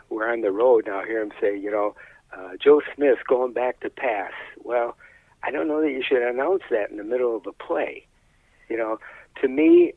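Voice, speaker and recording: An older man who announces high school sports is being interviewed, talking casually in a plain-spoken, folksy, hesitant manner. His voice is fairly low, with no echo, though the audio is slightly dull.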